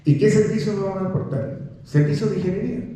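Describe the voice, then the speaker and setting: An older man with a Chilean accent gives a lively talk at a book presentation. His voice is slightly high but warm and mellow. It rings out through a very echoey room. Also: quick pace. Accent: Chilean Spanish. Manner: animated and conversational, with rhetorical questions and many restarts. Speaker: professor speaking at a book presentation. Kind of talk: public talk to an audience.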